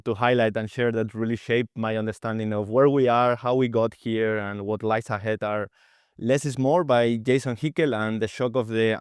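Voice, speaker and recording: As a guest on a podcast, a man from Spain in his thirties, a researcher, answers questions hesitantly, with frequent restarts and repeated words. He has a clean, medium-pitched tone, and the studio-quality recording is dry.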